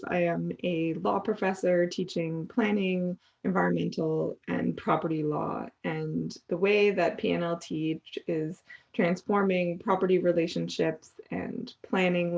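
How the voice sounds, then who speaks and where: A woman who teaches law, giving a fluent, measured statement as a board nominee. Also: on the low side, vocal fry, a little mellow, dull audio. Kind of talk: prepared candidate statement.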